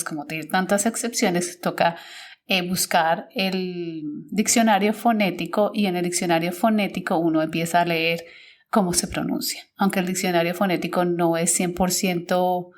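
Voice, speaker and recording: A woman teacher hosting a podcast, talking casually and thinking aloud, often correcting herself and searching for words. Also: fairly low pitch. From Colombia.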